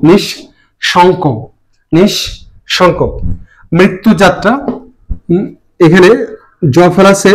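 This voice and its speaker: A man teaching pronunciation, spelling out words slowly and deliberately, syllable by syllable. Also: high voice, a little mellow, low-quality recording. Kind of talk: classroom lesson.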